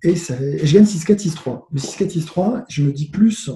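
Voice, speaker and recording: Guy on a call telling his story, dark mellow voice, echoey room, curses a lot. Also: fairly high pitch, normal speed, a little hiss or hum. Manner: animated, swearing, many restarts. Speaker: guest, former tennis player. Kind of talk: casual storytelling. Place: home with noise nearby. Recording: roomy echo.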